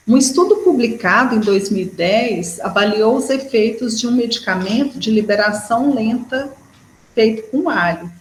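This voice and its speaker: A woman with a Brazilian Portuguese accent giving an educational lecture, explaining steadily and often checking in with a quick "né". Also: on the high side, a little hiss or hum. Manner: explanatory, with frequent "né" fillers. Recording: echoey room.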